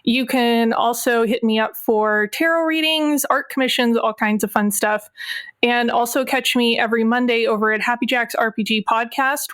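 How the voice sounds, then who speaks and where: Clean audio captures another player on a tabletop role-playing podcast, a woman whose voice sits fairly high with a slightly bright tone. She chats casually about the game, musing aloud in a wry way.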